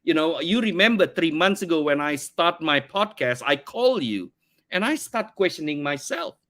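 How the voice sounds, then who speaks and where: A man's voice: a little high, animated, normal speed, fairly bright tone. A middle-aged man from Indonesia, English as a second language, earnestly telling his story in an interview, often repeating words as he searches for phrasing. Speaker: company CEO, podcast guest. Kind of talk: conversational interview.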